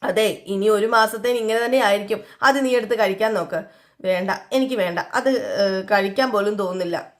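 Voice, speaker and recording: A woman's voice: medium pitch, normal speed, close to an everyday voice. A woman voicing a tired older father in a retold TV serial, in a weary plain manner.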